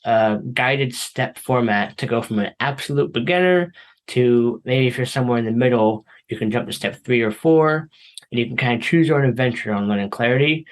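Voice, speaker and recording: A man in his thirties hosts a podcast, talking in a relaxed, upbeat and friendly way. His questions ramble a bit. He's heard through a video call mic. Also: mid-range voice. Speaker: podcast host. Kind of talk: casual interview chat.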